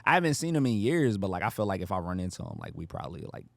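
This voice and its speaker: A man hosting a casual podcast, talking in a slangy, joking, animated storytelling way. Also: deep voice, racing, gravelly, dry recording. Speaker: podcast host. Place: warehouse, close dry sound.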